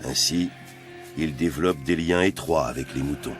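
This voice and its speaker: Deep-voiced man narrating a nature documentary. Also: moderate pace. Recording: music bed under narration. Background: music.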